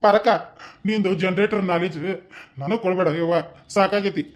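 An actor playing a gloomy, self-pitying young village man in a cartoon comedy, speaking with a North Karnataka Kannada accent, with melodramatic complaints and quick outbursts. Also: high voice, steady tone, lightly acted. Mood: mopey.

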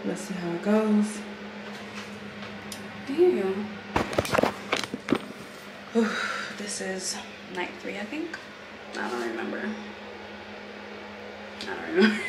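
Young woman filming a vlog: chatty, self-mocking, slow delivery, room echo. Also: mid-range voice, sing-song, vocal fry, very noisy. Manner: chatty, laughs often, self-deprecating. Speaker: travel vlogger. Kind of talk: casual vlog chat. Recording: roomy with background ambience.

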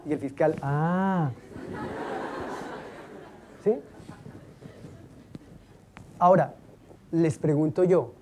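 A man's voice: fairly high pitch, a little hiss or hum. A middle-aged man, a law school dean, giving a lecture full of anecdotes and acting out the voices of the people in his stories. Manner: lively storyteller who acts out the voices in his anecdotes.

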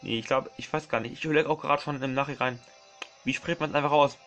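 Guy rambling thru a let's play, keeps saying sorry and repeating himself, normal pitch, quiet game music in the back. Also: steady tone, fast talker. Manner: rambling, apologetic, repeats words, addresses viewers as friends. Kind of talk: casual gameplay commentary.

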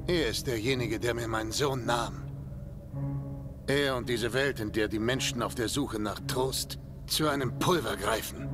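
A man's voice: mid-range voice, unhurried, over music, lightly acted. Hank, a man as a weary older police lieutenant. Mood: bitter, grieving. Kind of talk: dubbed video game drama.

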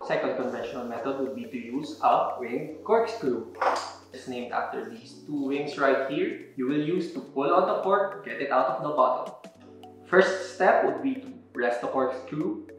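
In an echoey indoor room with a table, a young male wine presenter walks through opening a wine bottle step by step. His voice is medium-pitched and fairly bright, at a normal pace, with faint music behind him.

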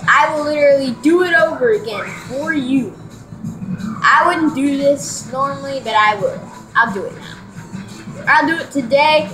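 A gamer giving excitable gameplay commentary, gasping and shrieking at the game. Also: high-pitched, normal speed. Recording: roomy room with game music. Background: video game music.

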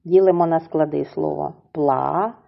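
A woman teacher with a Ukrainian accent gives a patient lesson for children. She speaks slowly and sounds words out syllable by syllable, her pitch moving up and down a lot. Her voice is fairly low and a little husky, on a dull, lo-fi recording. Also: big pitch swings. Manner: slow, deliberate syllable-by-syllable explaining.

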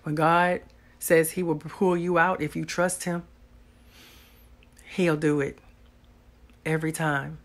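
A woman's voice: sits low, level tone, slow pace, long pauses. Woman, 30s; sincere to-camera testimony, close phone mic, small home room. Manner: earnest, talks straight to viewers, faith-filled. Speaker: vlogger.

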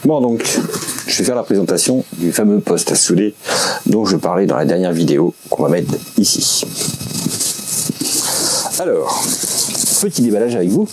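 A man in his forties talks through an unboxing in a small indoor workshop office, halting often to search for words. His voice sits low. The camera mic catches noticeable background noise. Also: poor audio. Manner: relaxed, hesitant with many fillers. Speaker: vlogger. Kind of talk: casual unboxing demo.

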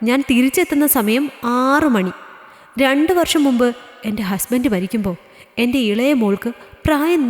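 A woman voicing a firm, probing schoolteacher. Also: high-pitched. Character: strict caring female schoolteacher, middle-aged mother. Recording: echoey reverberant room.

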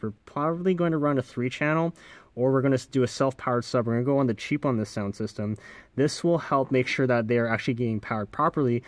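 A man hosting a car audio channel, explaining his work step by step while he works on a car in a garage. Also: mid-range voice. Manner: explanatory, hands-on, addresses viewers directly. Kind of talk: casual how-to explanation.

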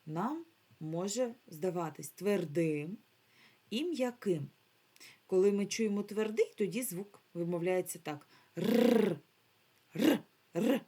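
A woman's voice: lowish voice, mellow. A woman teaching a remote phonics lesson to young children, drawing out each word carefully and modeling the sounds for the class to repeat. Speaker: primary school teacher.

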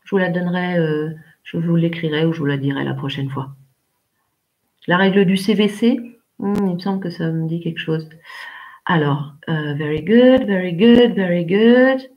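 A woman corrects English exercises in a live online lesson, warm with praise and naming each pupil as she goes. Her voice sits a little low. The stream sound is dull and lo-fi. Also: fairly even intonation, moderate pace. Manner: encouraging, calls on pupils by name. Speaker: English teacher. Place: home, remote teaching.

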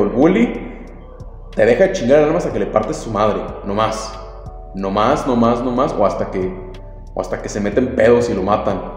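A laid-back Mexican man spins a casual podcast story, full of slang and swearing. His voice is mellow and warm. It bounces around a very echoey room with a long reverb tail and faint music underneath. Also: medium pitch. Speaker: podcast host.

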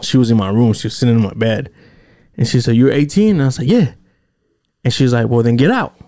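Talking fast at a medium pitch, a podcast co-host in his thirties tells animated stories laced with plenty of swearing. He's in a small home studio, using a boom-arm studio mic and headphones for this casual show.

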